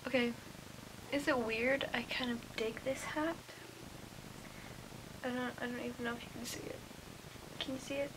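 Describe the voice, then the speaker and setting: A woman's voice: fairly high pitch, fairly even intonation, moderate pace, pauses often, noisy background. Tired young woman rambling to a webcam. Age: young adult. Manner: rambling, chatty, sleepy and self-deprecating, with frequent "like". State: tired, a bit wheezy and coughy. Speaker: vlogger. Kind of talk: casual diary vlog. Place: bedroom at night. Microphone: webcam close to the face.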